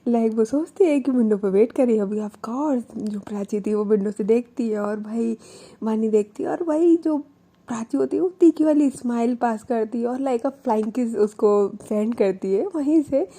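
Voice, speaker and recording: Chatty young woman storyteller, mellow tone. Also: on the high side, unhurried. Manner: chatty, mixes in English fillers. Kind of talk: casual spoken storytelling.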